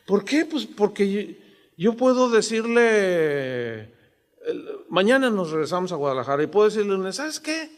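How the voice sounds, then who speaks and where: A pastor in his sixties preaches an animated sermon. His voice sits high for a man, and a long hall reverb trails his words. He slips into the voices of the people he quotes. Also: normal speed.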